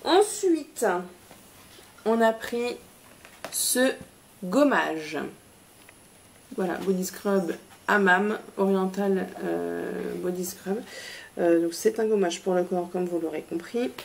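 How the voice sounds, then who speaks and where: A woman's voice: fairly low pitch, slow, creaky, long pauses, a little hiss or hum. A woman presenting a shopping haul in a casual, hesitant way, with many fillers and restarts.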